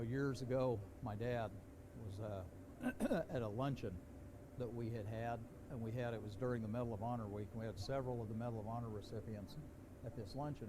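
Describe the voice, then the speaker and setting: A man's voice: medium pitch, background noise. A man preaching a sermon in a church, folksy and conversational, building to emphatic questions. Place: church sanctuary.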